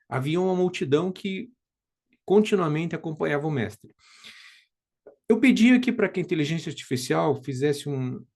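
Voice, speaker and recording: A man's voice: fairly high pitch, a little mellow. A Brazilian man giving an informal spoken lesson, hesitant, with many fillers and restarts. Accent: Brazilian Portuguese. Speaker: study group teacher.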